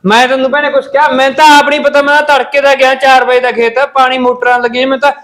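Man as young farmer son, high fast voice, defensive and soothing. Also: little pitch movement, fairly bright tone. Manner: defensive, placating. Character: harried young farmer son caught between family. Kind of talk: village family drama acting.

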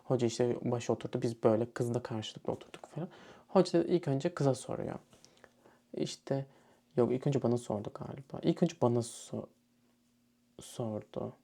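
A young man from Turkey telling a personal story in a relaxed, chatty way. His voice is mellow and sits at a middling pitch. He slips into other people's lines as he goes. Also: moderate pace, creaky. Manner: animated retelling, acting out other people's lines. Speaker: student vlogger. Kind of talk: casual storytelling.

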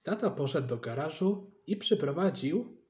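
A man's voice: fairly high pitch, normal speed. Man reading a storybook expressively. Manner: lively, expressive reading in a child's first-person voice.

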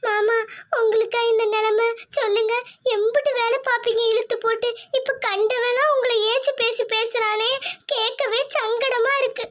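A woman doing a worried village wife, very high. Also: steady tone, moderate pace, a bit bright. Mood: upset, pleading. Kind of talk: cartoon voice acting.

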